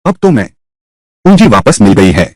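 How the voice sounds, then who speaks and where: Husky man dubbing every role. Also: big pitch swings, normal speed, darkish tone, no room sound. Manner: voices every character himself with shifting pitch. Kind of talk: single-voice dub of a drama.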